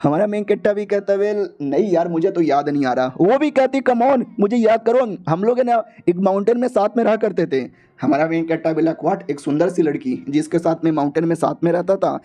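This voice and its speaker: A man's voice: high voice, fairly quick, hardly any pauses, warm tone. A young man casually retelling a comic story, playful and slangy, switching his voice for each character. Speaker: manhua recap narrator. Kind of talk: casual storytelling recap, voicing all characters.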